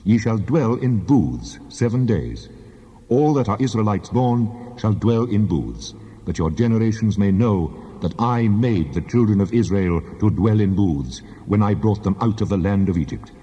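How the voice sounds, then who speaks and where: An actor playing God as a solemn, commanding deity, proclaiming laws in formal archaic language in a dramatized scripture reading. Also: male voice, lowish voice, expressive, normal speed, warm tone, breathy edge, dull audio. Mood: solemn, instructing. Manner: solemn, authoritative, declamatory. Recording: long cavernous reverb on the voice.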